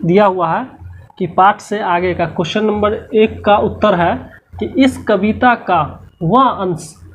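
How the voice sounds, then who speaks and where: A woman's voice: mid-range voice, slow pace, muffled recording. A woman teacher going through a textbook lesson's questions, explaining each answer step by step and repeating the key words.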